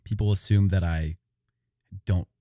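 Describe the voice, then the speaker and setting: A man co-hosting a podcast, reflective and thinking aloud, soft and hesitant in casual chat. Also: sits low, fairly even intonation, unhurried, no echo, studio quality. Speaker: podcast co-host.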